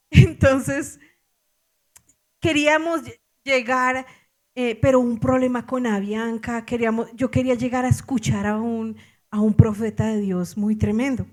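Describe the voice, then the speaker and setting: A middle-aged woman pastor with a Colombian accent, telling a story in a sermon, animated and laughing with exclamations. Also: medium pitch.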